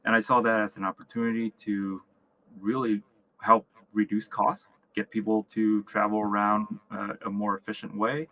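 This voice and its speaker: The founder and chief executive, a man from Vietnam and upstate New York, speaks with a lowish, pushed and bright voice and a flat delivery, captured in low-quality audio. Answering as an interview guest in a conversational way, he starts over frequently, repeats words haltingly and often adds "right?" to check in.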